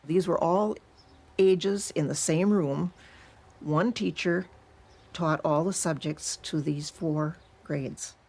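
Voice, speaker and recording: Older Midwestern woman, ex-teacher; low, slow, reflective. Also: darkish tone, slightly rough. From Minnesota, USA. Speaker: retired teacher. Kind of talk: recalled life story interview.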